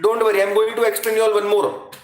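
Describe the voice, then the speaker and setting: A man's voice: sits high, little pitch movement, quick pace. A man with an Indian accent lecturing to an online class as a teacher, repeating phrases for emphasis and addressing students directly. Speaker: physics teacher. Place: indoor room at a chalkboard. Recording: echoey room.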